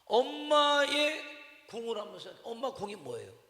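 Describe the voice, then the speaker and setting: A male pastor with a very high-pitched, creaky, sharp voice preaches at normal speed but very animatedly during a Wednesday evening service. He quizzes his congregation over and over and humorously recalls his mother, his words echoing with long reverb in the church hall.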